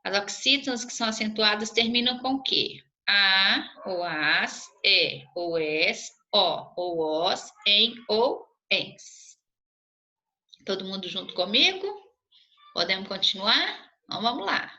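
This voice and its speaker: A woman teacher walks her pupils through their exercises in a recorded remote lesson. Her voice is bright and ringing, and she slows right down to draw out each word ending. She keeps checking that everyone is following along. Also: medium pitch. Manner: slow, drawn-out syllables when spelling out endings, checking in with "tá bom?".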